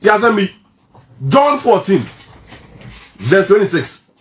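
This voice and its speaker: Ghanaian man preaching, very animated, asks lots of questions, roomy echo. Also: high-pitched, slow. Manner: animated preaching, switching between Twi and English, rhetorical questions. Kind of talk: sermon.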